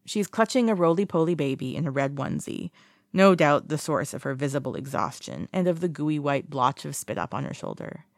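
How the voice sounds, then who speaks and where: Brief: an audiobook narrator with a gravelly edge, reading casually, dry close recording. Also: medium pitch, expressive, brisk, no echo. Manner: casual reading with small slips and self-corrections. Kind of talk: fan fiction audiobook reading.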